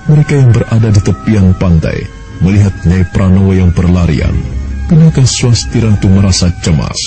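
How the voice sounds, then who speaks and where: A man narrating a radio drama in a calm, measured storytelling voice. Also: deep voice, over music.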